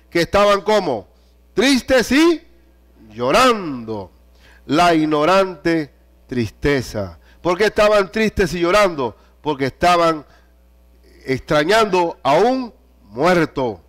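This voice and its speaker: A man preaching a sermon, reading scripture aloud in an animated, questioning manner. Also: on the high side.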